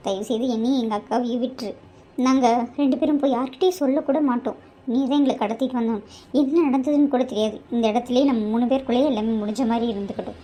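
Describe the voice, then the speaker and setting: A woman's voice: a little high, fairly even intonation, fast, dark tone, slight background noise, close to an everyday voice. A woman voicing a married young woman in a cartoon who scolds and pleads with an exasperated edge. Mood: pleading. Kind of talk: cartoon voice acting.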